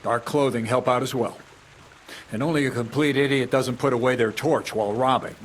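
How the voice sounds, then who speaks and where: An actor playing a blunt, coarse medieval thief who lectures on stealing, in a video game. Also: male voice, mid-range voice, fairly even intonation, fairly quick, a little hiss or hum, natural voice. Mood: lecturing. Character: gruff older male medieval thief, blunt and crude.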